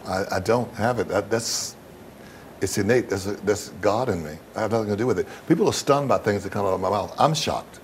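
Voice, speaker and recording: Some background noise runs under a low-pitched man giving candid, blunt interview answers at a fairly quick pace. He hits his words with emphasis and repeats phrases to make them land.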